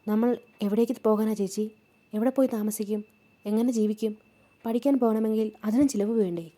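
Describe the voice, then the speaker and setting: A woman's voice: mid-range voice, steady tone, a little fast, dark tone, pitched above the performer's own voice, close to an everyday voice. Woman voicing an upset teenage girl. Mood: alarmed. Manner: tearful, complaining questions. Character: teenage schoolgirl, hurt and upset.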